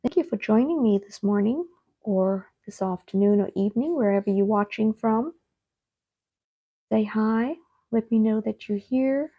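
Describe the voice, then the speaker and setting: A middle-aged woman from Cape Town, South Africa, paints in her home art studio during a live stream. Her mid-range voice comes through muffled as she chats with viewers directly, in an unhurried way.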